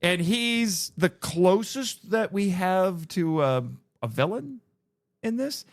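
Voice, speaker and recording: A man's voice: sits high, expressive, takes it slowly, dry recording. A man hosting a casual film discussion, explaining things in a rambling way and backtracking mid-thought. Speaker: film podcast host.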